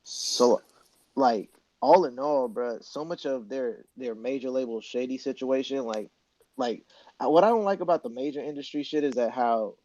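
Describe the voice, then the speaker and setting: A man's voice: medium pitch, moderate pace, warm tone, dry recording. A man in a casual podcast chat, talking things over in an analytical, laid-back way. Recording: dull, slightly muffled sound.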